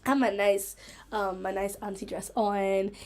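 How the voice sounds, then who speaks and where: A young woman hosting a casual solo live stream chat, rambling through tangents with lots of "like", giggling and getting excitable. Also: mid-range voice, measured pace. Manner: rambling, full of "like", tangents and self-interruptions.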